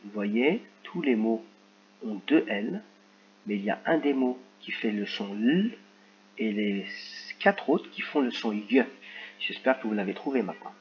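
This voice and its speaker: A man teaching a recorded phonics lesson to young children, dictating words slowly and clearly. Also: on the low side, expressive, highs cut off, slight background noise. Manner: slow, carefully articulated word dictation.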